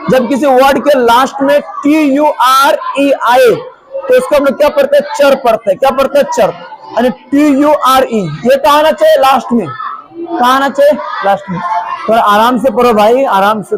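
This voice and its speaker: A man teaching English pronunciation to a class of children. He calls out loudly, asks questions, then repeats the answers himself. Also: very high voice, moderate pace. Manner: loud, calling out to the class. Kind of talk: classroom lesson. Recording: noisy room ambience.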